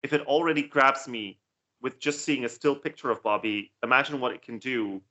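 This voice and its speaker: Bright-voiced man giving opinions. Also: mid-range voice, brisk, highs cut off. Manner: opinionated, analytical, repeats words as he builds a point. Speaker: co-host reacting to songs. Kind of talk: casual reaction chat.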